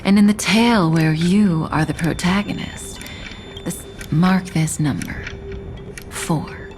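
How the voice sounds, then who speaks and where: A woman voicing an enigmatic, composed seer in a video game, speaking solemnly and softly, with some words breathed out in a whisper. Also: on the low side, slow, faint music behind. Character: enigmatic, composed female seer giving gentle guidance. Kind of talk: scripted game character acting.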